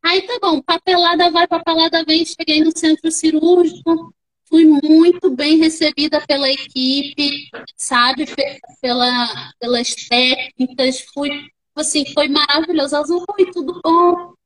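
A young woman with a Brazilian Portuguese accent, a podcast guest telling her own story in a casual, animated way and acting out the voices of others. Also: high voice, a little slow, rough recording.

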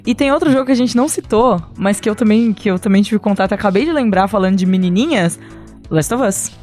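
Talkative girl in a group chat about games, music faint behind. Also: mid-range voice. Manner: chatty, expressive, quick to jump in. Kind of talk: casual chat.

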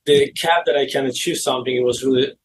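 A man in his twenties from Azerbaijan with an Azerbaijani accent, speaking halting non-native English as he tells his story casually in an interview. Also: medium pitch, steady tone, a little hiss or hum. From Baku, Azerbaijan. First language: not English. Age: 20s. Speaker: interview guest, e-commerce seller.

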